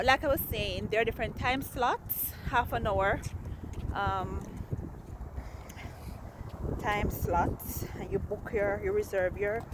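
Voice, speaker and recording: A woman in her forties, chatty and repeating herself as she vlogs a zoo visit, filmed on a phone at arm's length on a windy day. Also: mid-range voice. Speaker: vlogger. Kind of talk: casual vlog. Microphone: phone held at arm's length. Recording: wind noise on a phone mic.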